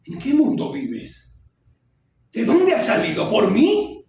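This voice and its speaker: A man plays an enraged young son, his voice climbing high and cracking into shouts as he accuses his father. The sound is distant, with a heavy room echo and a faint noise floor. The tone is raw and outraged throughout. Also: very animated, slow pace, heavily acted. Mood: furious. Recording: echoey hall, mic far off.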